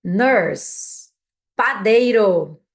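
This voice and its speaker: A native Portuguese-speaking woman leads an English vocabulary lesson. She talks slowly, pausing for learners to repeat after her. Her tone is casual and encouraging, with a mid-range voice. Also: medium pitch, expressive, creaky. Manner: slow, patient drilling of words for learners to repeat; casual and encouraging, with frequent check-ins. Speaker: English teacher. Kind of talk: teaching vocabulary with call-and-repeat drills.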